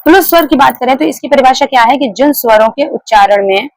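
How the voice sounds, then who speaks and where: A woman's voice: high voice, fast, dry recording, low-quality recording. A woman teaching a grammar lesson, explaining step by step, repeating key points and putting questions to her students. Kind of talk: classroom lecture.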